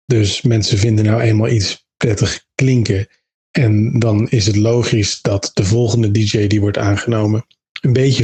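Husky male voice coach explaining. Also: mid-range voice, darkish tone. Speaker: voice coach, interviewed expert. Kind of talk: explanatory interview talk.

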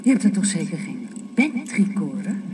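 An actress playing a furious woman who shouts angrily at someone. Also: on the low side, very animated, moderate pace, background noise. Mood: angry. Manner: shouting, angry. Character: furious woman who hates tape recorders.

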